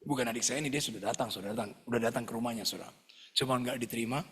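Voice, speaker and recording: A man preaching a sermon as a pastor, lively and joking, often calling out to his listeners and acting out other people in his stories. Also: medium pitch, rapid-fire, slightly rough. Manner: mimics other people's voices when retelling stories.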